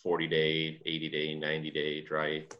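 A man in his thirties appears as a guest in a casual chat, easygoing, hedging, and poking fun at himself. His voice is a low rumble with a completely flat delivery at normal speed, and the highs are cut off.

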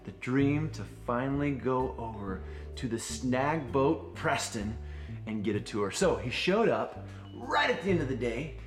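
A man's voice: mid-range voice, big pitch swings, a little slow. A man telling a rambling, improvised story in a casual way, with filler words. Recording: roomy echo, faint music.

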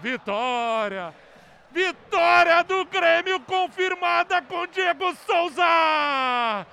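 A man giving explosive football goal commentary, excitedly shouting and stretching out key words. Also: very high voice, very slow, vocal fry.

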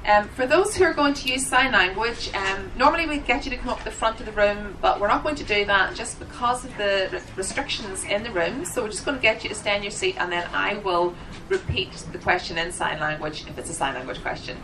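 A woman's voice: medium pitch, brisk, hardly any pauses. Woman interpreter, distant and noisy recording. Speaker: sign language interpreter voicing the signers. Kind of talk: spoken interpretation of a seminar introduction. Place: seminar room. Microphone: microphone at the front of the room. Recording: distant microphone, noticeable background noise.

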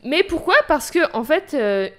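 A woman's voice: sits high, very animated, normal speed. A woman hosting a podcast in casual chat, enthusiastic and swearing freely. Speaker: podcast host.

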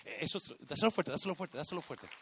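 A man's voice: on the high side, expressive, fast talker, vocal fry, a bit bright, a little hiss or hum. A man preaching a sermon as pastor, impassioned and repeating himself, checking whether the congregation hears him and slipping in English phrases. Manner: impassioned, repeats lines, asks the church if they hear him, mixes in English phrases.

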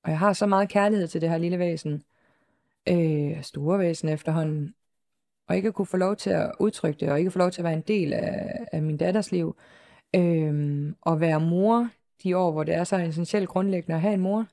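A woman's voice: lowish voice, dark tone. A woman in an interview telling her own story, hesitant and circling with many fillers, yet composed and matter-of-fact. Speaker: interviewed mother. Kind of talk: personal interview account.

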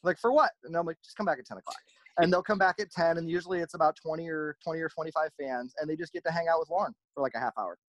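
A man's voice: a little high, rapid-fire, hardly any pauses, no echo. A man who runs a merchandise brand, telling stories in a casual interview and acting out the back-and-forth. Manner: animated, acts out quoted exchanges.

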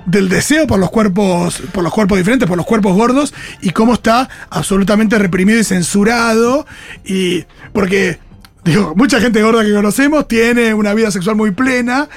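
High-voiced man hosting. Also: moderate pace. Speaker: radio show host. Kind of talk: casual radio chat, reading listener messages.

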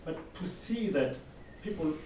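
A man from Zanzibar with a Tanzanian accent, making a halting, earnest comment from the floor at a seminar. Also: on the high side, lively intonation, mellow. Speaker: audience member commenting. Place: seminar room. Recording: very echoey, distant mic, noisy room.

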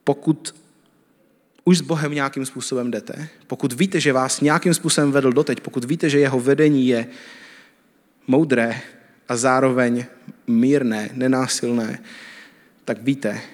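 A man's voice: mid-range voice, steady tone, long pauses, darkish tone, big-room sound. A man in his thirties from the Czech Republic, preaching a conversational sermon and telling everyday stories. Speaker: pastor. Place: church hall.

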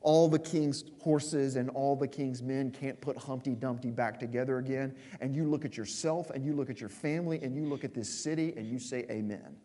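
A man preaching a sermon with passion, stressing words slowly and then rushing through quick asides. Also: mid-range voice, dark tone. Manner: impassioned, emphatic, swings between slow stresses and quick asides. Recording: long hall reverb.

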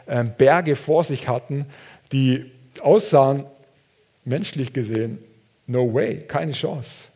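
A man preaching a sermon, reading scripture aloud and swinging between soft, low passages and loud, raised ones.

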